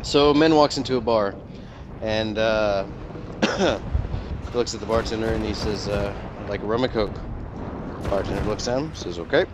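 A man's voice: fairly low pitch, moderate pace, long pauses. A man in casual party chat while gaming, telling a long joke and acting out the quoted lines. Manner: rambling storyteller, acts out quoted lines. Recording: game sounds behind, noisy. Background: gunfire and game ambience.

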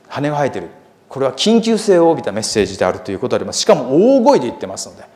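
A man preaching a sermon in a church, earnest and emphatic, slowing down to read scripture aloud. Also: medium pitch, a little mellow. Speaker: seminary lecturer preaching.

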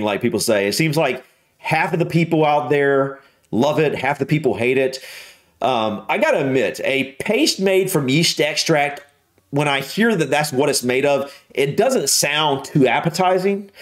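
An American man hosting a casual reaction video, musing aloud with lots of restarts and trailing thoughts. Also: on the high side. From United States.

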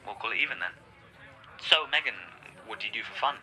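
An actor playing an awkward, earnest young date who stammers and rambles about golf. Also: male voice, medium pitch, animated, quick pace, pushed and bright, poor audio. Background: game music.

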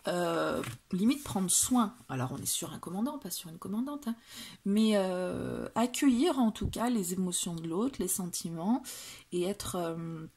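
Husky woman giving a tarot reading. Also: fairly low pitch, animated, a little slow, a little mellow. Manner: hesitant, many fillers and restarts. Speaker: tarot reader. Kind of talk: casual tarot reading video.

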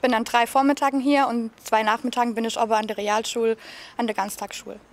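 A woman's voice: fairly high pitch, little pitch movement, quick pace. A woman in her late twenties from Germany, a youth office worker, answering earnestly outdoors into a handheld mic. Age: 20s. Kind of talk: casual interview answers. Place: outdoors by a building. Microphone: handheld mic held by interviewer.

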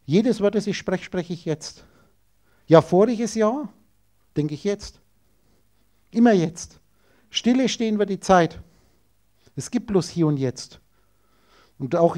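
Man lecturing an audience, highish mellow voice, pushy rhetorical questions. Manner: emphatic, rhetorical, addresses listeners directly.

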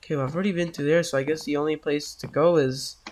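A man's voice: a little high, steady tone, quick pace, a little mellow, slight background noise. A man who is sick, giving casual, jokey let's-play commentary on a horror game and getting easily spooked. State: sick, coughing. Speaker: gameplay commentator.

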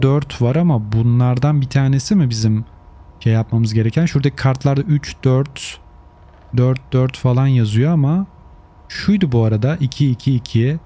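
A man's voice: medium pitch, warm tone. A man commentating a game video, translating lines and musing aloud as he clicks. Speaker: gaming youtuber. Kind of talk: let's play commentary.

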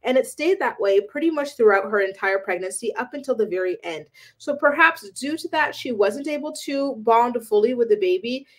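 A woman's voice: a little high, expressive, normal speed, hardly any pauses. A woman hosting a celebrity gossip channel, talking casually and with opinions, often using "um" and "like". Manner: chatty and opinionated, frequent "um" and "like".

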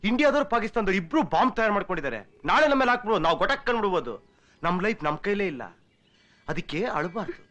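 A man's voice: animated, rapid-fire, a bit bright. An actor playing a brash, cynical young man who taunts and preaches in film dialogue. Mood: taunting. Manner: taunting, preachy, wild swings of pitch.

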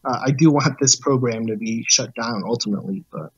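A man's voice: medium pitch, brisk, slightly rough, highs cut off. Hesitant male podcast guest. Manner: hesitant, many uh and like fillers. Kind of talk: casual chat.

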